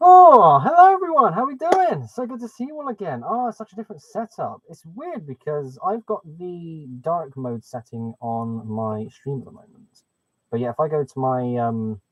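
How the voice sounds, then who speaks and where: A man with a slightly high voice chats casually on a live stream, thinking aloud while fiddling with settings. His webcam microphone yields a dull, dry recording that sounds muffled and hollow, as if he were talking through a pipe.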